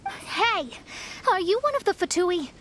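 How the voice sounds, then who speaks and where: A woman's voice: extremely high pitch, sing-song, a little slow, fairly bright tone, a little hiss or hum, exaggerated voice. An actress playing a theatrical, grandiose young woman in a game cutscene. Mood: haughty. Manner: grandiose, dramatic phrasing. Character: theatrical young female self-styled princess, grandiose.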